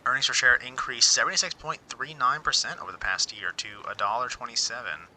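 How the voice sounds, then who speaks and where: A man's voice: medium pitch, fairly quick, bright, forceful tone, slight background noise, rough recording. A man streaming casually, thinking aloud as he reads out figures and muses on them wryly, often repeating words mid-sentence. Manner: wry, self-interrupting, repeats words as he reads. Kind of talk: casual livestream commentary.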